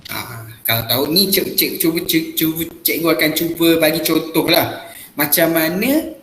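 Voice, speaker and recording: A man's voice: on the high side, lively intonation, normal speed, a bit bright, reverberant, slight background noise, poor audio. A man playing a teacher, explaining patiently with lots of filler sounds. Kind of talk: classroom role-play lesson.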